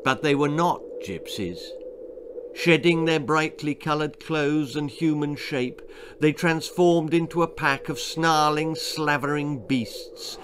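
Reading his own children's horror-comedy aloud, a man in his sixties speaks slowly in a slightly high voice, playing it theatrically and delighting in the grisly bits. Music plays in the small, book-lined room, and the background is noisy.

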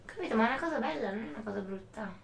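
A woman's voice: a little high, expressive, racing, gravelly. A young woman vlogger in a casual chat with her boyfriend, teasing and playful. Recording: echoey room, faint noise.

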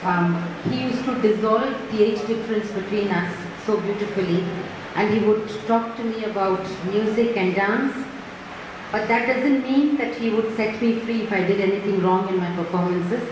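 A woman in her thirties with a South Indian accent, giving an expressive, emphatic tribute speech with anecdotes into a handheld microphone. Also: medium pitch, normal speed. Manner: expressive, emphatic, repeating words for stress. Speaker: speaker giving a tribute, a dancer. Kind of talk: heartfelt public speech with anecdotes. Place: indoor hall, speaking to an audience. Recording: very echoey room, clear background noise.

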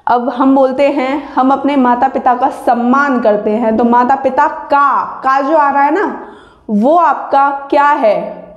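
A woman teaching an exam-prep Hindi grammar lesson, patiently explaining and reading example sentences slowly. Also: sits high, roomy sound, lo-fi sound.

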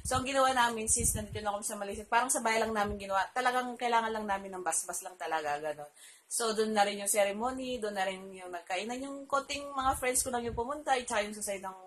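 A woman's voice: a little high, fast, fairly bright tone, low-quality recording. A Filipino woman vlogger telling a personal story to her viewers in a casual, chatty way, laughing often and trailing her phrases with fillers.

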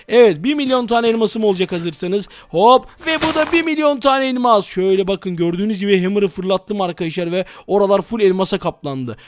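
A man doing excited gameplay commentary as a gaming YouTuber, exclaiming and talking straight to viewers. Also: high voice, slight background noise.

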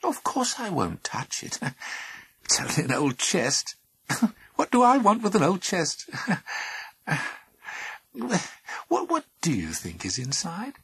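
A curious young bride with a light, high voice, put on by a man. She hesitates and stammers, innocent and tempted. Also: huge pitch swings, takes it slowly, creaky, fairly bright tone, breathy edge, no echo, full character voice.

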